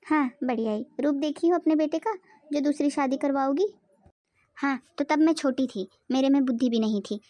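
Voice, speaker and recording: A woman's voice: high-pitched, moderate pace, warm tone, natural voice. A woman voicing a young village wife in a cartoon, insistent and complaining. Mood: pleading. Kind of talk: cartoon voice acting.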